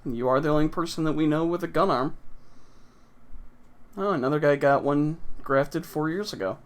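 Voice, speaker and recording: A man's voice: a little high, normal speed, smooth. A man casually commenting on his own gameplay with wry, offhand, sarcastic asides. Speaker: let's play host.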